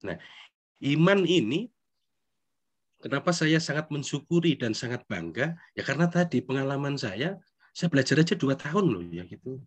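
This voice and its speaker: A middle-aged priest giving a recollection talk in a conversational, self-deprecating way, with frequent tag questions. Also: male voice, mid-range voice, very animated, moderate pace, long pauses. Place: church hall.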